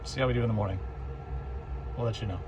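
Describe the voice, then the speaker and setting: A man with a fairly low voice gives casual, matter-of-fact vlog updates. He is recorded inside a camper van, with steady vehicle noise behind him. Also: fast talker. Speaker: van-travel vlogger.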